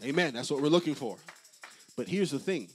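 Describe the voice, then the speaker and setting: A man's voice: medium pitch, expressive, brisk, soft background music. A male pastor preaching a sermon in a church, impassioned and rhythmic, with repeated refrains. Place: church sanctuary.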